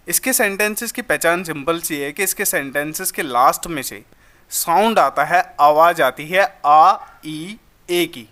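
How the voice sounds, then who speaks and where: A man explaining an English grammar lesson in a friendly, instructive way, reading example sentences slowly. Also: fairly high pitch, pushed and bright. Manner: addresses listeners as brother, slow drawn-out example sentences. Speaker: English teacher.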